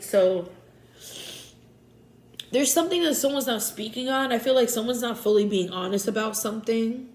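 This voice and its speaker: A woman with a stuffy nose giving a relaxed, rambling tarot reading, often correcting herself mid-sentence. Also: medium pitch, vocal fry, echoey room, rough recording. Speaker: tarot reader.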